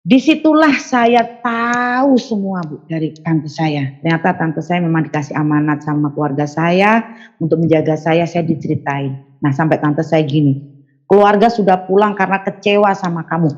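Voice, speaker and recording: A woman tells her own story as an interview guest, acting out the voices of the people she quotes with big jumps in pitch. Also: moderate pace, a little mellow, lo-fi sound. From Sundanese region of West Java, Indonesia. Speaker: guest giving a testimony. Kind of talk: animated personal storytelling.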